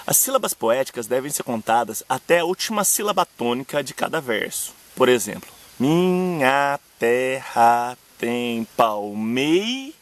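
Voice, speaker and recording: A young Brazilian man with a Brazilian Portuguese accent, a poetry teacher and channel host, leads a video lesson on poetic meter. He addresses viewers directly and slows down to recite verse examples. His medium-pitched voice is very animated and fairly bright.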